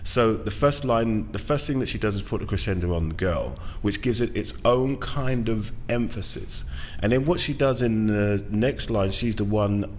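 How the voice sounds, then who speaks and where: A British man coaching singing, breaking down a performance line by line in a measured way, with frequent pauses and short sung examples. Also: on the low side, slight background noise. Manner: measured, many "um"s, sings short demo phrases. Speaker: vocal coach. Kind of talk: singing lesson analysis.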